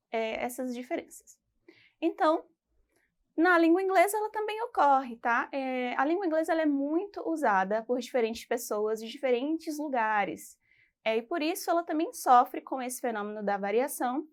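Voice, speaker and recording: Brazilian woman teacher, slightly high voice, patient explanatory lesson delivery. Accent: Brazilian Portuguese. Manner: patient, explanatory, frequent "tá?" check-ins. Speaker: English teacher. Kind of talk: educational video lesson.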